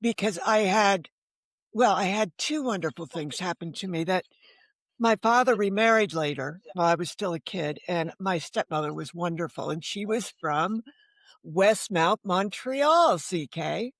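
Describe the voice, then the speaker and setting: An older novelist from the United States, a guest in an interview on a remote video call, shares personal stories candidly and with self-deprecating humor and rhetorical asides. Her voice is on the low side, animated and a little slow, with no room sound.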